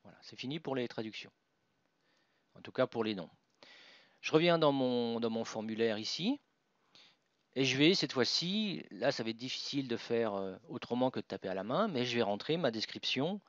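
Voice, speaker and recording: A man presents a software tutorial, talking through each click on his screen with fillers and restarts. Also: medium pitch, lively intonation, moderate pace, no room sound. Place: at a computer. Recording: dull, dry voice-over with mouse clicks.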